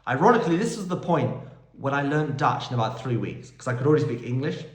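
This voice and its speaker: A man's voice: medium pitch, lively intonation, quick pace. A man hosting a casual Q&A video, telling rambling stories full of quoted dialogue and recorded on a phone. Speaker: vlog host answering viewer questions. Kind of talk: casual Q&A monologue. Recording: roomy echo.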